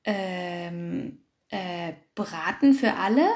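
A sly, fibbing storybook fox, played by a woman, hesitant and sheepish. It is read slowly, with a gravelly edge, in a roomy space. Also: fairly low pitch, expressive, a little mellow, voice pushed down, heavily acted. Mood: fumbling.

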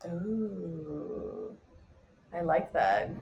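A woman's voice: fairly low pitch, extremely slow, gravelly, dull audio, a little hiss or hum. Enthusiastic woman, guest. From west coast of the United States. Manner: animated, enthusiastic, laughs easily. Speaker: guest, life coach. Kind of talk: casual interview chat.

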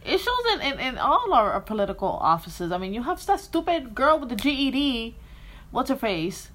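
A woman's voice: high voice, very animated, a bit bright. Blunt, profane woman podcast co-host. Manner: blunt, profane, quick asides. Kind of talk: casual political chat.

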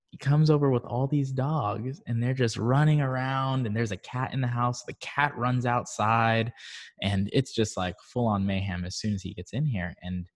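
Speaking into his own microphone in a mid-range voice, a man from Barbados appears as a guest on a casual chat show, telling stories in a relaxed way and laughing often.

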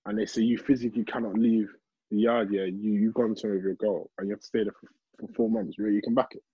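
A man's voice: on the low side, little pitch movement, quick pace, husky, dry recording, lo-fi sound. A young man with a London roadman accent, chatting casually with friends in heavy street slang and repeating himself for emphasis. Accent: London, urban roadman. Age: young adult. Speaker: podcast co-host. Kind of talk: casual banter among friends.

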